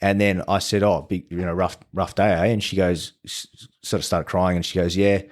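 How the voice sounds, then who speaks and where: Low-voiced Australian man telling stories. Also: normal speed. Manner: swears freely, animated retelling of conversations. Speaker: podcast guest. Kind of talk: casual storytelling.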